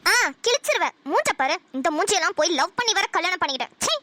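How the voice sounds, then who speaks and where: A woman voicing a fiery, sharp-tongued young wife in a cartoon, scolding in a rapid-fire stream. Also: extremely high pitch, big pitch swings, a little hiss or hum, heavily acted. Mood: angry. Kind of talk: cartoon voice acting.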